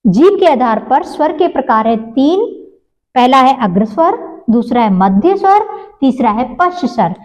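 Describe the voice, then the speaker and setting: A woman teacher with a high, sing-song, darkish voice gives a grammar lesson. She poses questions to the class and answers them herself, repeating points slowly and stretching out sounds. The recording is lo-fi.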